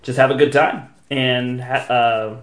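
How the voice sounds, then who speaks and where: A man's voice: mid-range voice, fairly even intonation, unhurried, echoey room. A man hosting a podcast in a casual, chatty style. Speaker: podcast host. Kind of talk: casual gaming podcast chat.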